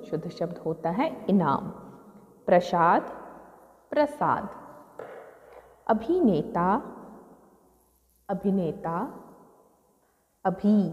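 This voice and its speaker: Woman teacher for a children's grammar lesson, slow and patient, repeats each word, muffled recording with a long echo. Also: fairly low pitch, warm tone. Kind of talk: Hindi grammar lesson for young pupils.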